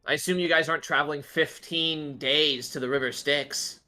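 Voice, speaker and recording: A man's voice: a little high, fairly even intonation, moderate pace, sharp tone. A man playing a seven-year-old imp who is meek, eager to please and evasive, stammering when pressed. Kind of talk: in-character tabletop role-play.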